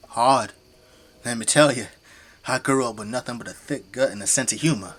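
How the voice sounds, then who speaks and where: In an audio drama, an actor with a medium-pitched, fairly bright voice plays a folksy, teasing middle-aged Midwestern family man who works as a zombie-fighting janitor. His lightly acted delivery is jovial and frank, at normal speed.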